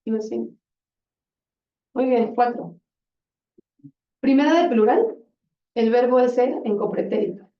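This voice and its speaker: A woman speaks slowly in a fairly high voice, leaving long pauses as she leads a Spanish conjugation drill. Patient and encouraging, she praises answers often, and the classroom audio sounds roomy, distant and dull.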